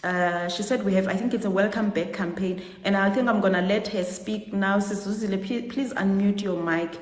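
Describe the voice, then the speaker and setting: A woman's voice: medium pitch, moderate pace. A South African woman, a nurse, talking passionately and emotionally on a live stream from her phone. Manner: earnest, emotional, retells patients' words. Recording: echoey hall-like room.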